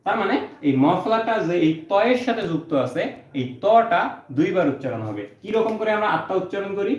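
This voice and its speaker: A man's voice: high voice, lively intonation, brisk. A male teacher walks through each rule step by step and says every point twice. The sound is roomy and dull, with a lo-fi edge. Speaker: Bangla teacher. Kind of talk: online exam-prep lesson.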